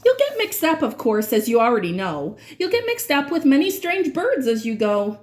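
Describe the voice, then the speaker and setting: A woman reading rhyming verse aloud for children in an expressive, dramatic way, drawing out certain words. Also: sits high, normal speed. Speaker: children's read-aloud reader.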